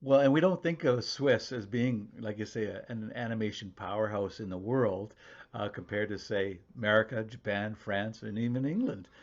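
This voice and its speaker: A man's voice: on the low side, normal speed, highs cut off. A man interviewing a filmmaker, asking long, thoughtful, winding questions.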